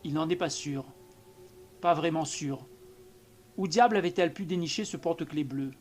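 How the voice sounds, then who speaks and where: A man reading a short story aloud as an audiobook narrator, in a measured, calm manner. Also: a little high. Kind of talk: scripted narration.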